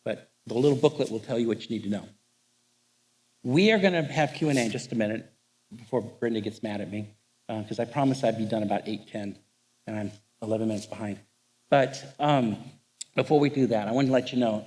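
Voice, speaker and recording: A middle-aged man, a marriage counselor, gives a live seminar talk on stage, telling stories in a joking, animated way. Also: mid-range voice, fairly quick. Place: on stage before a live audience.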